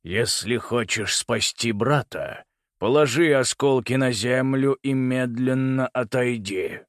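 A man's voice: medium pitch, slow pace, no echo, clean studio sound, lightly acted. A man voicing a ruthless older grandfather, lord of birds, with a menacing, sneering manner. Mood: mocking. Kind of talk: audiobook character voice.

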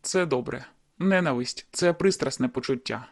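A woman's voice: normal speed, vocal fry, exaggerated voice. A woman voicing a stubborn, cocky young man. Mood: teasing. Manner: low, insistent and teasing.

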